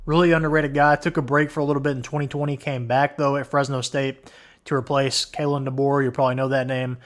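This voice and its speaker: Guy losing his voice doing a casual football coach countdown, keeps saying all right, mid pitch. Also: little pitch movement, fast. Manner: casual, opens each item with "all right". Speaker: host. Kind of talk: college football countdown commentary.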